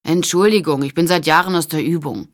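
A woman's voice: sits low, brisk, close to an everyday voice. A playful, joking man, as a woman reads him. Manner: dry and playful. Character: joking, proud, romantic grown man.

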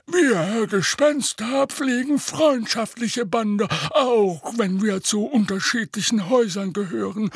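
A haughty old ghost of a nobleman in an audiobook, lifted into a very high, thin register. He drawls every word out slowly and with great ceremony, with a breathy, airy edge. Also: no room sound, studio quality, full character voice. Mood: lofty. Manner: pompous, stately, affronted. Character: pompous indignant old male ghost nobleman. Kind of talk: audiobook character voice.

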